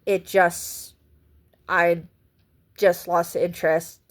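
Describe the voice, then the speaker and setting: A woman's voice: on the low side, little pitch movement, drawn-out words. A woman giving a casual vlog book review in a chatty, rambling way, often breaking into laughs.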